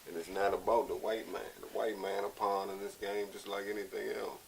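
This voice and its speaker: An American man giving a blunt, profane, impassioned monologue, sounding drunk and rambling, with halting repeats and a gravelly voice. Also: lowish voice, little pitch movement. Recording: hissy, noisy amateur recording.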